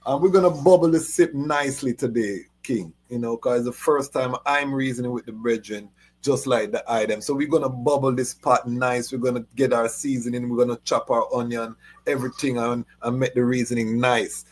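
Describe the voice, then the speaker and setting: A man hosting a podcast interview, relaxed, asking questions in Rasta phrasing. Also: mid-range voice, moderate pace. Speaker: podcast host.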